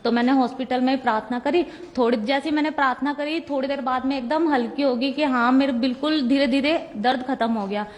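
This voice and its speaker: A young woman tells her own story as a devotee, earnestly and plainly, often quoting what she and others said. Her voice sits a little high for a woman. A long reverb trails her words, as in a large hall. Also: fairly quick, few pauses. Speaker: devotee giving a testimony. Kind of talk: personal testimony told as a story.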